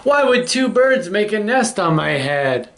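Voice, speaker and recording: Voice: medium pitch, lively intonation, slow pace, fairly bright tone, pitched above the performer's own voice. A storyteller voicing an anxious, exasperated male elephant from a picture book, with dramatic, fretful protests. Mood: worried.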